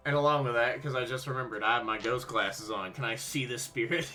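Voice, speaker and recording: A man's voice: medium pitch, fairly quick, pushed and bright, faint music behind. A man playing a tabletop role-playing game, asking the game master questions in casual chat. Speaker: player.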